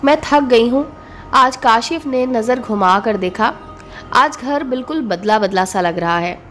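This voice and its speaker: A woman narrating a moral story in an even, gentle storytelling manner. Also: a little high, unhurried, faint music behind. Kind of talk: scripted narration.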